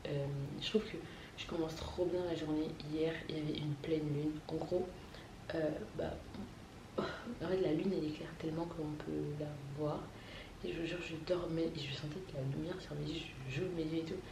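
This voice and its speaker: A woman's voice: sits low, steady tone, moderate pace. Young woman vlogging casually, noisy background. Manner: informal, filler-heavy, self-interrupting. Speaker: lifestyle vlogger. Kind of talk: casual vlog chat.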